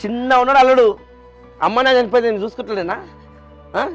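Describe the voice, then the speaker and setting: A man's voice: very high voice, fast talker, highs cut off, faint music behind. Pleading man. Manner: pleading, repeats "bava" insistently. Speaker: villager pleading with his brother-in-law. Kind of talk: village comedy sketch acting.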